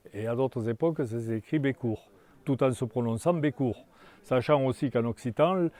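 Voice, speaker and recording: Halting older man guiding a tour. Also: mid-range voice, mellow. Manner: halting, many restarts and fillers. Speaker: tour guide. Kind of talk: guided tour talk. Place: outdoors in a hamlet.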